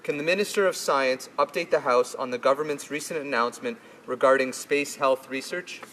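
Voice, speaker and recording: A man's voice: medium pitch, a little fast, fairly bright tone. A man reading a prepared question as a member of parliament. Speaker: government backbencher asking a question. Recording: reverberant chamber with faint noise.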